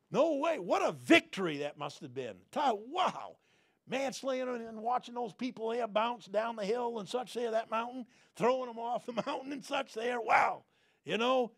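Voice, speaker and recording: A man preaching a folksy sermon, repeating phrases and sometimes bursting into loud shouted prayers. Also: extremely high pitch, husky, no echo, clean studio sound.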